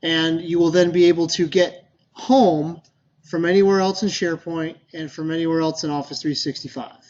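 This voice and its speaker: Chatty male meetup presenter, higher voice. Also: fairly even intonation, normal speed, a little mellow, lo-fi sound. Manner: chatty, loose, many fillers and restarts. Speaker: user group presenter.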